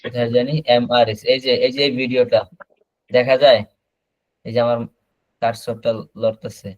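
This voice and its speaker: A man teaching an online class, explaining slowly and repeating words over a video call. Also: mid-range voice, little pitch movement, no echo, lo-fi sound. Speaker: English teacher.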